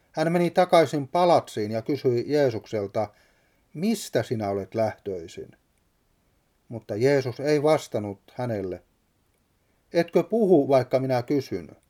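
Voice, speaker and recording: Solemn man reading scripture, mellow voice. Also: medium pitch, lively intonation. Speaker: preacher. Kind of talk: Bible reading and sermon.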